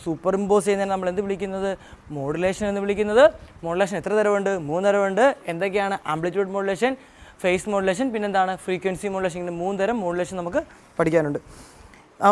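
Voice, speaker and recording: A male tutor from Kerala working through an exam answer key, asking questions and answering them himself, with English terms mixed into his explanation. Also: sits high. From Kerala, India.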